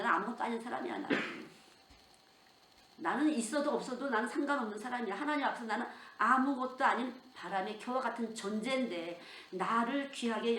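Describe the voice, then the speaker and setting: A woman's voice: fairly high pitch, echoey room, slight background noise. An older woman preaching a sermon as a children's missionary, telling stories with strong emotion. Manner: emotional, animated storytelling with sudden outbursts.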